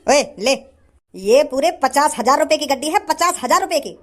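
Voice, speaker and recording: A man's voice: very high voice, animated, moderate pace. An actor playing a rich, generous young man who lectures a stingy shopkeeper in a comedy sketch. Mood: lecturing. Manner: forceful, lecturing.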